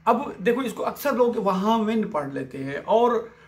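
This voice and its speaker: A man's voice: high voice, sing-song, normal speed, a little mellow. A man explaining a classical Sufi poem line by line, reciting each verse and then glossing its words. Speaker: poetry commentator.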